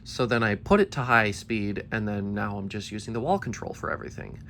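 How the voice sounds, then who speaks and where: A young man who collects ceiling fans talks eagerly in a casual vlog from his basement collection room, his sentences rambling and often restarting. His lowish voice sounds tired and slightly worn yet animated, brisk and fairly bright, over slight background noise.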